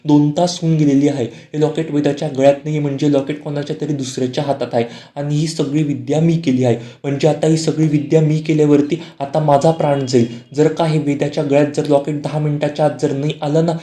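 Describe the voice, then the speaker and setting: A scheming sorceress who lays out her plans aloud, with a man reading her part. The tone is dark and mellow. A roomy echo surrounds it. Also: on the high side, little pitch movement, quick pace, hardly any pauses, lightly acted. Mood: plotting. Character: scheming sorceress, adult woman.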